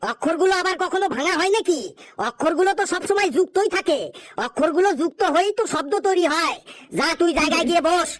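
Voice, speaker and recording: A sarcastic male schoolteacher who scolds his pupils, voiced by a woman in a comedy cartoon. The voice sits high and is recorded dry, with no room sound. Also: quick pace, no room sound. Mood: scolding. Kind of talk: cartoon voice acting.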